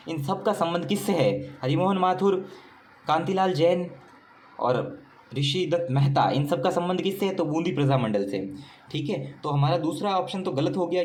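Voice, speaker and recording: A man teaching as an exam coach, talking quickly and firing questions at his students that he answers himself. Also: a little high, a little mellow, slight background noise. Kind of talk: exam paper solution lesson. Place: coaching class recording.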